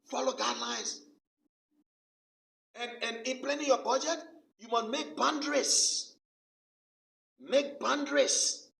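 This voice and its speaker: A man's voice: very high-pitched, slow, vocal fry, pauses often, sharp tone. A male pastor preaching a sermon with emphasis, repeating his key phrases over and over. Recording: roomy sound from a distant mic.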